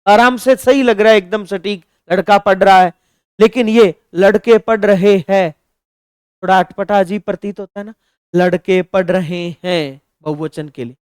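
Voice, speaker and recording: High-voiced man teaching grammar. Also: steady tone, clear, resonant tone, no room sound, clean studio sound. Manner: reads example sentences slowly, then corrects them emphatically. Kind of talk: exam-prep grammar lecture.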